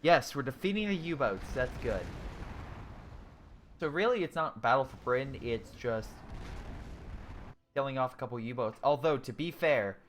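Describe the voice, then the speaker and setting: A gaming YouTuber, a man in his twenties, gives casual let's-play commentary on a strategy game while reading and answering viewers' chat. He thinks aloud, with frequent ums, restarts and self-corrections. His pitch is medium, and there's slight background noise.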